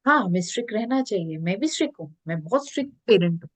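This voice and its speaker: A woman's voice: medium pitch, expressive, very fast, no room sound. A woman spiritual coach telling stories in a podcast interview, earnest, mixing English phrases into her talk.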